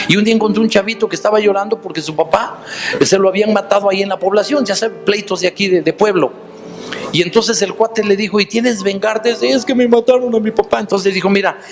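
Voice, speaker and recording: Mexican man preaching over music. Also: high voice. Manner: storytelling, addressing listeners directly with rhetorical questions. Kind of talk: sermon.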